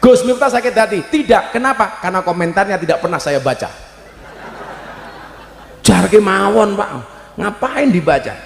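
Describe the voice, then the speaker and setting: Joking Javanese preacher in an echoey hall. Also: male voice, sits high, lively intonation, moderate pace, gravelly, pauses often, a little hiss or hum. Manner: joking, bursts into loud emphatic shouts. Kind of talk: humorous live sermon. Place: large hall at a live religious gathering. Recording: echoey hall with long reverb.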